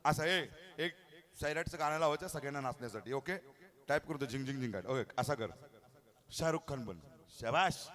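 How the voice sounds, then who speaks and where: A man's voice: mid-range voice, brisk, fairly bright tone. A man emceeing a live stage show, coaxing and teasing children in a playful way on a handheld mic outdoors. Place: outdoor stage at a hotel lawn.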